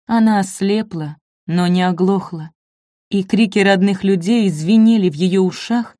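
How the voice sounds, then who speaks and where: A woman's voice: medium pitch, unhurried, dark tone, no echo. Woman narrating an audiobook, dry sound. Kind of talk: scripted narration.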